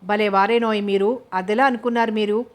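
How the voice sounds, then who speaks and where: A woman reading the lines of a kindly old grandfather, teasing gently. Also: medium pitch, steady tone, fairly quick, close to an everyday voice.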